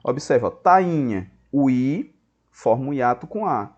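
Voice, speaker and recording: A man's voice: mid-range voice, animated, unhurried, a little mellow, lo-fi sound. Man explaining grammar rules patiently. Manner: explains step by step, checks in with "beleza?". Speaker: teacher. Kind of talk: online grammar lesson.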